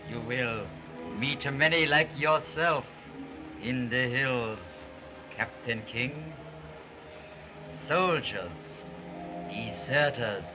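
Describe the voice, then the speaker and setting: An actor playing a solemn man who brings news to a fugitive, speaking in a measured, stagey way on an early talkie film soundtrack. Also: mid-range voice, noisy background. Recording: muffled old film sound with music.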